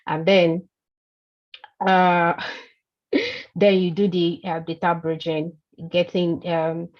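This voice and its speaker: Slow, halting woman on dull call audio. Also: fairly low pitch, flat delivery. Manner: hesitant, halting phrasing. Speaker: workshop participant. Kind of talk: unscripted spoken answer in an online training.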